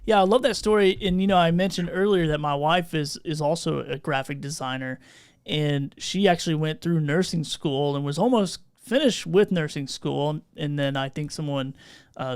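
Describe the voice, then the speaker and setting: A man's voice: a little high, clear, resonant tone, dry recording, studio quality. A man hosting a podcast interview, talking in an easygoing, affirming way. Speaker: podcast host. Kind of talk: casual interview chat.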